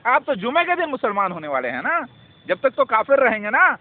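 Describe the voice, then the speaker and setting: A man's voice: very high voice, wildly swooping pitch. A man preaching to his viewers in a fervent, scolding religious monologue full of rhetorical questions. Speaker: self-styled religious preacher. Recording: tinny phone-like audio with faint noise.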